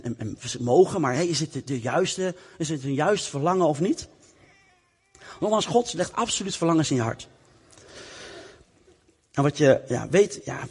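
A man preaching a sermon, telling a Bible story in a lively way and acting out its people. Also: on the high side, slightly rough. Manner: lively storytelling, acts out the characters. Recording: long reverb of a hall.

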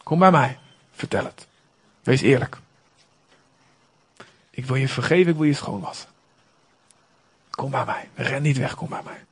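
The Holy Spirit, soft and pleading, voiced by a preacher. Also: male voice, mid-range voice, measured pace, long pauses, husky. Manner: soft, pleading, partly whispered. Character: the Holy Spirit, a gentle inviting voice.

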